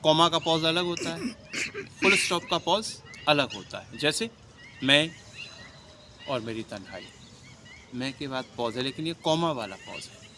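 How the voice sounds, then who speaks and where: A man giving a casual acting lesson, explaining and demonstrating words with shifts in pitch and loudness. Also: expressive, normal speed, a little hiss or hum. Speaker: acting teacher.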